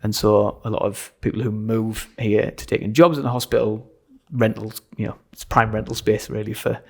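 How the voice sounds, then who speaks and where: A man's voice: on the low side, fairly even intonation, moderate pace, gravelly. A middle-aged man with a toned-down Sunderland, North East English accent, chatting as a pastor being interviewed. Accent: Sunderland, toned down towards general North East English. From Sunderland, North East England. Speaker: pastor, podcast guest. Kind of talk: conversational interview. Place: church side hall.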